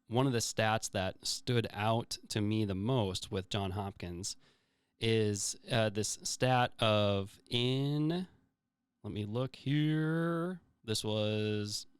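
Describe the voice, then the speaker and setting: A man's voice: on the low side, smooth, no echo. A man hosting his own show, talking through health statistics in a casual monologue, with plenty of fillers and restarts. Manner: rambling, many fillers and restarts. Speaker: show host.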